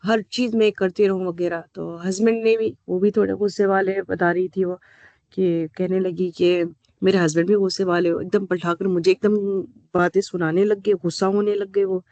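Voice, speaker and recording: Female counsellor, workshop speaker, unhurried storyteller who mixes languages and fills pauses, dry close sound. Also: on the low side, little pitch movement, dark tone, no room sound, lo-fi sound. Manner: storytelling, mixes English phrases with pauses and fillers. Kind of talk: online workshop talk.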